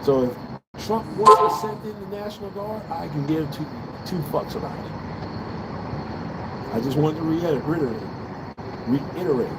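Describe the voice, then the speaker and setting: A man's voice: fairly high pitch, moderate pace, pauses often. An American man ranting casually to a livestream, blunt and profane, repeating phrases for emphasis. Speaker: livestream host. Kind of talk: casual livestream political rant. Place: outdoors on an urban balcony. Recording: loud outdoor city traffic noise. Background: street ambience and vehicles.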